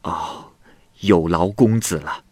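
A man's voice: low voice, takes it slowly, a little mellow, no room sound. A man voicing a genial, worldly woman in her fifties who chuckles and pries as she talks. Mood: chatty. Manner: cheerful, chuckling, prying.

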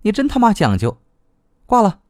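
A brash young woman who scolds and swears with a quick temper, as a man puts her on in an audiobook. Her voice sits high and swings widely, recorded dry with faint music underneath. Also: huge pitch swings, a little mellow, dry recording. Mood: gruff teasing. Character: hot-tempered blunt young woman cousin. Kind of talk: audiobook reading.

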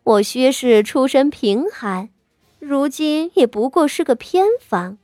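A woman's voice: sits high, lively intonation, slow pace, a little mellow, dry recording, faint music behind, voice pushed up. A woman doing a sneering scheming concubine. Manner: mocking, sighing, sarcastic.

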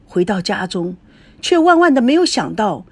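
Woman, audiobook narrator, measured storytelling, husky breathy voice at a middle pitch. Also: sing-song, dry recording.

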